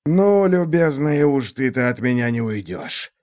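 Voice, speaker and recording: A man's voice: medium pitch, expressive, measured pace, darkish tone, lightly acted. A man voicing a hungry, boastful male wolf who growls out threats, read as a storybook tale. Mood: blustering. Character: hungry, blustering male wolf, easily tricked.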